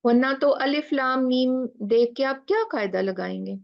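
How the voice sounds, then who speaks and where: A woman's voice: high voice, lively intonation, unhurried, gravelly, muffled recording. A woman teacher explaining recitation rules in a class, asking questions and drawing out letter sounds. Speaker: tajweed teacher.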